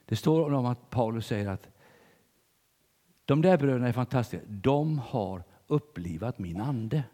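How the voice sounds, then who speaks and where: Older guy preaching in a church, husky dark voice, goes loud then real quiet. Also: mid-range voice, in a large hall. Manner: animated storytelling, swings between loud and hushed. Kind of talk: sermon.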